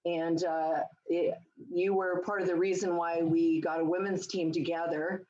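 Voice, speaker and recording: A woman's voice: on the low side, flat delivery, a little slow, mellow. A woman in her sixties fondly recalling team memories on a video call. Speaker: former athlete sharing memories. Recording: echoey, dull video call audio.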